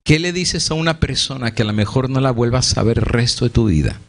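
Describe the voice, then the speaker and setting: A man's voice: medium pitch, fairly quick. A man with a Mexican accent, a pastor preaching conversationally with vivid storytelling and repeated rhetorical questions. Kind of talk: storytelling sermon.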